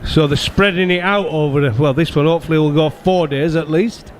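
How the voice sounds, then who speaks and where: Pundit, male, fairly high voice, fast chatty delivery. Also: slight background noise. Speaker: cricket pundit. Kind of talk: casual chat.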